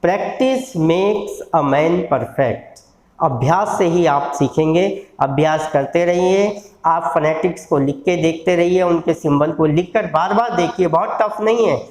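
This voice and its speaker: A man giving a recorded lecture, slowly stretching out word sounds and encouraging his students. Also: a little high, darkish tone. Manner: slow, drawn-out sounding of syllables, encouraging. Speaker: law college lecturer. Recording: echoey room.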